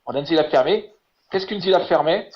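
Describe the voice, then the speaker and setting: Halting man teaching over a muffled call. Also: a little high, lively intonation, a little mellow. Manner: halting, repeats words and fills with "voilà". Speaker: Hebrew teacher. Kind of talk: online lesson. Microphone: video call. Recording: muffled lo-fi web call audio.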